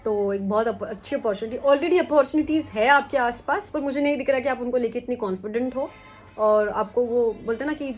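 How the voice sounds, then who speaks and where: A woman's voice: a little high, brisk, faint music behind. A young adult woman doing a casual weekly tarot reading, chatty, mixing English into her talk and checking in with the listener often. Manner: chatty, mixes English into Hindi, repeats "ठीक है?". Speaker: tarot reader.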